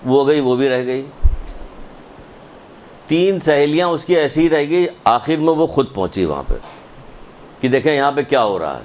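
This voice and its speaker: A man's voice: mid-range voice, animated, pauses often, a little mellow, slight background noise. An emphatic male preacher delivers a sermon that weaves in a story. He repeats his points and presses the listeners with rhetorical questions. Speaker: religious lecturer.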